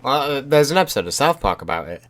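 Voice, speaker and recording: A man's voice: medium pitch, very animated, racing, a crowd in the background. A young man hosting a podcast, chatting with a friend in an easygoing, agreeable way. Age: young adult. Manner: easygoing, agreeable, loose conversational talk. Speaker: podcast host. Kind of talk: casual chat.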